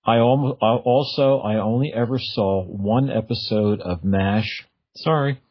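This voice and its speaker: His voice is lowish and breathy, and he takes his time, hesitating while searching for words as he hosts a radio show and chats casually in interview style. The lo-fi radio audio is dull and dry, without echo.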